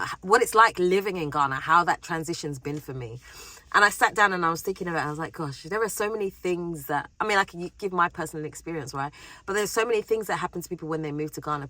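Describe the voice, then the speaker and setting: A woman's voice: on the low side, dry recording, rough recording. A woman from the UK with a British accent, chatting casually to camera from a parked car, a little under the weather with a cold. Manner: chatty, animated, acts out quoted voices. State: has a cold. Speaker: vlogger. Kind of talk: casual vlog talk to camera. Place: parked car in a parking lot.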